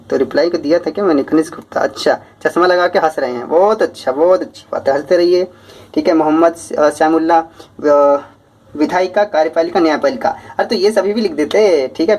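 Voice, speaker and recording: A man, a teacher out of breath from talking fast as he reads out viewers' comments. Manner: lively, talks fast, rises in pitch.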